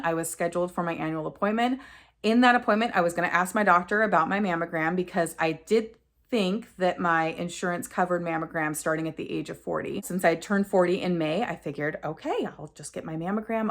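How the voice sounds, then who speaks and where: A woman in her forties talks straight to the camera in an earnest, candid way. Her voice sits on the low side and has a gravelly fry. She often stops to correct herself mid-sentence. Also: a bit bright. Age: 40s. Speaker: vlogger sharing a personal story. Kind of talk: casual personal storytelling to camera.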